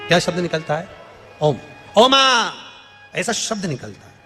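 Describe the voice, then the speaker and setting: A man with a fairly high voice delivers a devotional sermon as a story. He repeats lines for emphasis and calls questions out to his listeners. His voice rings with a long hall reverb, with faint music underneath. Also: very animated, fast, fairly bright tone. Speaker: preacher.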